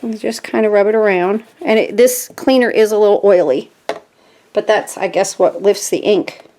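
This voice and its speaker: A woman hosting a casual craft tutorial from her home craft room, chatting to viewers and getting excited as she works. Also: mid-range voice, moderate pace, a little hiss or hum. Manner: chatty and easily excited, talks to viewers while working. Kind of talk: casual step-by-step craft demonstration.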